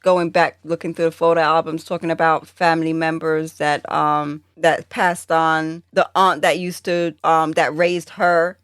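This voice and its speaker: A woman from Jamaica telling a family story in casual podcast chat, acting out quotes with sudden high jumps in her voice. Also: flat delivery, a little slow, hardly any pauses, a bit bright, clean tone, no room sound, clean studio sound. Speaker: podcast co-host.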